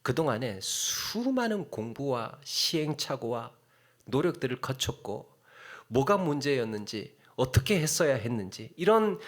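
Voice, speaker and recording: A middle-aged man preaching a sermon as a pastor, telling a story with sudden hushed drops and sharp rises for emphasis. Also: mid-range voice.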